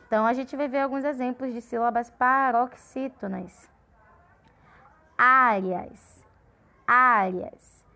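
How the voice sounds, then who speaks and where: A woman teaching a children's grammar lesson in a patient, clear voice pitched slightly high. She slows down and stretches out each example word. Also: steady tone, a bit bright.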